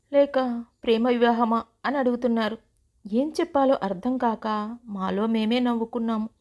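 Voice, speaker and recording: Woman narrating a family story, fairly high voice. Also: a little mellow. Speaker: storyteller and channel host. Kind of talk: first-person story narration.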